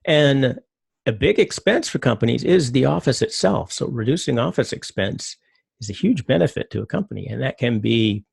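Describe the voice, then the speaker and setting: A middle-aged man giving a relaxed talk, loose and rambling, full of fillers. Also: medium pitch, moderate pace, gravelly, husky, no room sound, clean studio sound. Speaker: presenter. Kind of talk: casual talk with slides.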